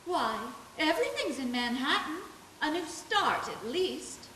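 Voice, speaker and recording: A woman's voice: high-pitched, big pitch swings, measured pace, bright, forceful tone, exaggerated voice. A woman playing a wistful, determined small-town young woman in a live radio play, on an echoey stage. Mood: wry, resolved. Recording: echoey stage, distant mic, faint hiss.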